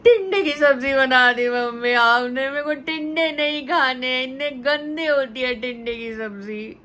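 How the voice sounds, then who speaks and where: A high, sing-song little girl who is a picky eater whines and pleads over her dinner, as a woman puts her on. The voice sits way up in pitch and sounds bright and sharp. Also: measured pace, slight background noise. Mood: complaining.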